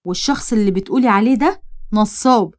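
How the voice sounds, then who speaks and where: A woman's voice: mid-range voice, fast, lightly acted. Bossy young Egyptian cousin, as a woman reads him. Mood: angry. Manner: scolding, threatening. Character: bossy protective young man, her cousin.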